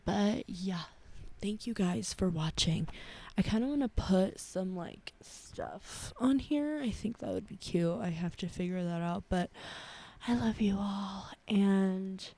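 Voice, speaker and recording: A tired young woman in her twenties hosting a casual advice podcast from her bedroom, talking softly and slowly. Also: medium pitch, lively intonation. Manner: soft, sleepy and unhurried. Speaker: podcast host. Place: her bedroom at her parents' house.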